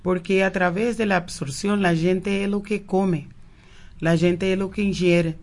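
A woman's voice: fairly low pitch, fairly even intonation, unhurried, a little mellow. A Cuban woman whose first language is Spanish, a naturopath guest on a radio show, who speaks Portuguese with Spanish words mixed in and often repeats words while searching for them. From Cuba. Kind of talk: radio interview answers. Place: radio studio.

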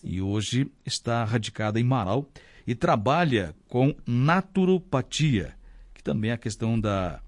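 A man's voice: mid-range voice, sing-song, a little slow. A man from Rio do Sul hosting a morning radio interview, who asks leading questions and keeps adding "né?". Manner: leading questions, tag "né?" often. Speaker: radio host. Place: radio studio.

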